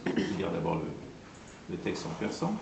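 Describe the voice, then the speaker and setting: A man lecturing on poetry translation to an audience, patient and repetitive, spelling out each term with frequent pauses. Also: deep voice, big pitch swings, gravelly, heavy background noise. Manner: patient, repeats and spells out terms, pausing often. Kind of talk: explanatory talk to an audience. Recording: echoey room from far off.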